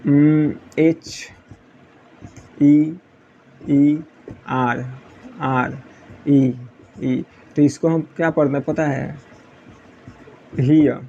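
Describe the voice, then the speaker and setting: A man's voice: fairly high pitch, fairly even intonation, drawn-out words, gravelly, long pauses, darkish tone, muffled recording. A man teaching English pronunciation in a classroom style, repeating points and asking questions he answers himself. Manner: repetitive, asks students questions then answers.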